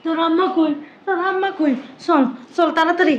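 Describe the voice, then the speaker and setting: A grieving widowed grandmother, played by a woman, wails in a high, sing-song lament, her speech carrying a colloquial Bangladeshi Bengali accent. The voice is pitched very high and the home drama is recorded in an echoey room. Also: fairly even intonation, fairly quick, muffled recording. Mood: pleading.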